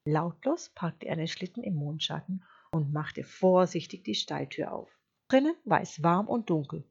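A woman narrates a children's story slowly, her pitch moving widely. Her voice is lowish and husky, and the recording sounds slightly dull. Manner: slow, expressive storytelling. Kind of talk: storybook reading aloud.

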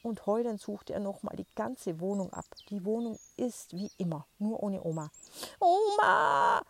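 A woman reading a children's story aloud, in a gentle, lively storybook manner. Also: mid-range voice, normal speed.

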